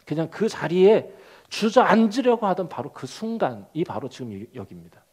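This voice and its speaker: A male pastor preaching a sermon, acting out quoted complaints in character voices and dropping to a soft, low delivery at key moments. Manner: animated, acts out the prophet's complaints in quoted voices.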